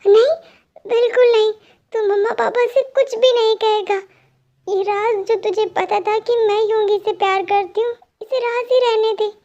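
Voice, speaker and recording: A young woman voicing a gentle, naive young woman who is heartbroken, speaking in a tearful, pleading way. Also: very high-pitched, fairly even intonation, moderate pace, lo-fi sound. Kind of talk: dramatic fan-dub voice acting.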